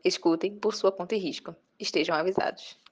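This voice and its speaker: A woman putting on a stern female announcer who gives a slow, solemn warning through a megaphone. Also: lowish voice, fairly even intonation, husky. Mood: urgent, solemn.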